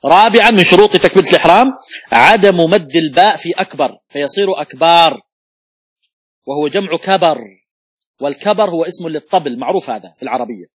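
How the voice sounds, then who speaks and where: A sheikh gives a religious law lesson in a husky voice that sits a little higher than most men's. He works step by step through examples and sounds out correct and wrong pronunciations. The recording is dry and close, with no room sound. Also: fast, no echo. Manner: methodical, explains rules through worked examples and repetition; occasional coughs and throat clearing. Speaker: sheikh teaching Islamic law.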